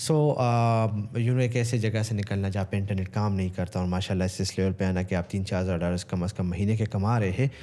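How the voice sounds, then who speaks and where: Low mellow-voiced male interviewer. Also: fairly even intonation, brisk, hardly any pauses. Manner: encouraging, mixes English phrases into Urdu. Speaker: interview host. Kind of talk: casual interview.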